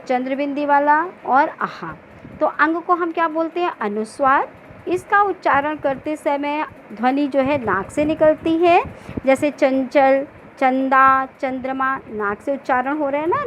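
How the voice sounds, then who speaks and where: A woman teacher giving a grammar lesson, asking the class questions and answering them herself, repeating key points slowly and stretching out example words. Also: high-pitched, slight background noise, low-quality recording. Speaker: school teacher.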